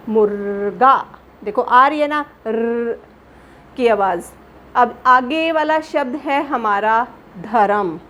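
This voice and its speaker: A woman's voice: high voice, a little hiss or hum. A woman teaching a grammar lesson to children, patiently repeating words and asking them questions.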